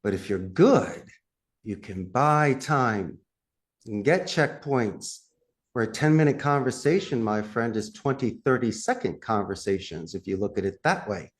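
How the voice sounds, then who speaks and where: He talks a little slowly here, but this call center CEO with a Philadelphia accent stays emphatic and animated in the interview, laughing often as his pitch swings about.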